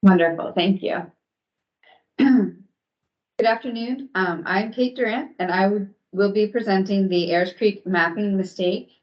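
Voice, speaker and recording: A woman on the commission staff gives a formal, measured briefing with a few hesitant ums, heard through remote video-call audio from a recorded online meeting. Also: mid-range voice, lo-fi sound.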